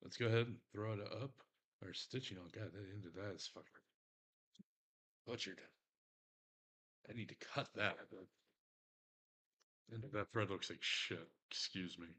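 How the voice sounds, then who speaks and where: A man with a Texan drawl talks through his handiwork in a loose, rambling way, swearing freely and mocking himself as he goes. His voice sits fairly low but comes across bright and forceful, with a casual streamer's ease. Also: moderate pace, long pauses. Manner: rambling, profane, self-mocking. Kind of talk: casual crafting stream chat.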